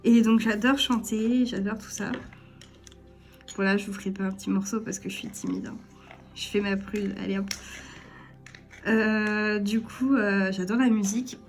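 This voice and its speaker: A woman's voice: mid-range voice, steady tone, normal speed, pauses often. A young woman chatting casually to camera at home as a vlogger, giggly and self-deprecating. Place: at home, at a table. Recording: faint music underneath. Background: soft background music.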